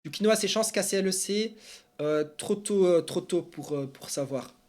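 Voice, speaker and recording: A man's voice: sits high, normal speed. A man, streaming esports news and answering viewers in casual, rambling chat full of fillers. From Belgium. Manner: chatty and animated, rambling with many fillers.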